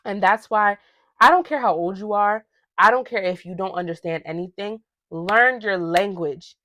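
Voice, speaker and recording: Ranting on her own podcast, a young woman from Ghana speaks casually and animatedly, with slangy asides thrown in. Her lowish voice is a bit bright, and the recording is dry.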